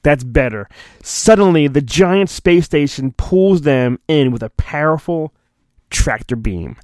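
For his podcast, a lively man with a higher voice reads a storybook with mock-dramatic flair, his pitch shifting widely as he alternates between theatrical narration and rambling, sarcastic asides. He speaks a little slowly, and the recording is close and dry.

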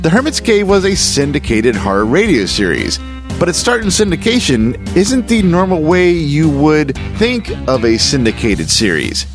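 This man hosts a podcast, narrating a scripted introduction to vintage radio horror while music plays underneath. He speaks at a moderate pace in a fairly high voice that swings widely in pitch.

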